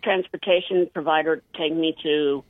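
A caller on a radio show, heard over the phone, who talks in a halting way and often repeats and restarts words. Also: medium pitch, steady tone, dry recording. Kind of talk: call-in radio chat. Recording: tinny phone line, dry.

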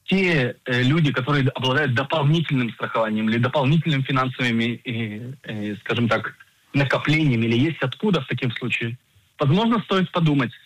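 Insurance agent guest, man in his forties, husky voice, dry close sound, measured explainer who hesitates often. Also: mid-range voice, dry recording, poor audio. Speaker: insurance agent and financial planner. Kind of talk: radio interview, explaining insurance.

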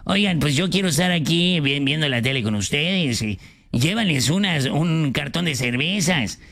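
A man's voice: a little high, animated, normal speed, gravelly, fairly bright tone. A man playing a boastful, flirtatious building owner who drops in as a guest on a comedy radio show, chuckling as he brags. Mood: boastful flirting.

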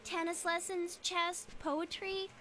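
In a family radio drama, an actress plays a young best friend who is supportive but exasperated, animated and emphatic. Her female voice is extremely high and exaggerated, and she speaks slowly.

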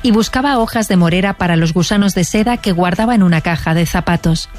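A narrator reading a scripted biography in a steady, even delivery. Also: mid-range voice, fast talker, faint music behind. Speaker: documentary narrator.

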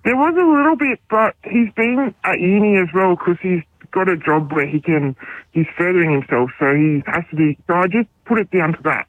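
A woman's voice: on the low side, dry recording. A hesitant woman calling in to a radio show, her voice disguised by a voice changer. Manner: hesitant, halting. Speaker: caller. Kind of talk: radio call-in. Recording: tinny phone line.

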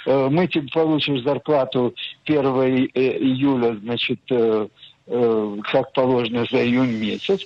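A man's voice: mid-range voice, fairly even intonation, measured pace, darkish tone, no room sound. Man in his sixties, caller, hesitant, lots of fillers, muffled phone line. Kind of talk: call-in question.

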